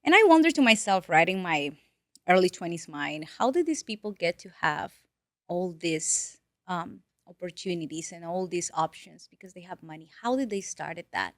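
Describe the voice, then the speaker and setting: Her voice lowish and her pace normal, the late-twenties guest financial advisor from Peru, whose first language is Spanish, earnestly recounts her story in casual interview talk. She's animated and sometimes restarts her sentences. There's no room sound, and the audio is studio quality.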